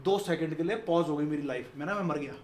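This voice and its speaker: A man, telling a story in casual chat, animated, acting out voices and laughing often. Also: fairly high pitch, fast talker. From Delhi, India. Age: 20s.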